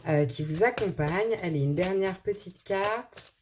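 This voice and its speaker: A woman's voice: fairly low pitch, unhurried, a little mellow, soft background music. A woman with a slight lisp on her s sounds, giving an informal card reading and thinking aloud in a hesitant way. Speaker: tarot and angel card reader.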